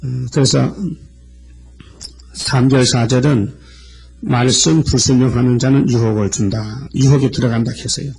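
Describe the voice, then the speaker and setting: A man's voice: medium pitch, steady tone, normal speed, vocal fry, darkish tone. A man preaching a sermon, reading scripture verses aloud and explaining them one by one. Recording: old lo-fi church sermon tape.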